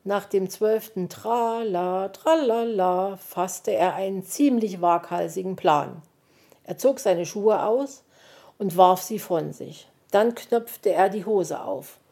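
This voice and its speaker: A woman reads a children's story aloud at an unhurried pace. Her tone is mellow and soft, and she tells the story gently. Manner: slow, gentle reading that jumps into higher voices for the animal characters.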